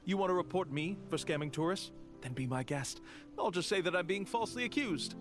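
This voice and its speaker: An actor playing a slick, bold con-man tour guide in a game, talking smoothly and theatrically. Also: sits high, animated, brisk. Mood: smug. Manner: smooth, theatrical, dramatic pronouncements. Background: game music.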